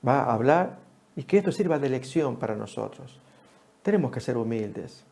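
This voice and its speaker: A man preaching a Bible study sermon, speaking to his listeners as friends and jumping up in pitch when he quotes a speaker. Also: moderate pace, creaky. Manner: animated, rises sharply for quoted speech, addresses listeners as friends.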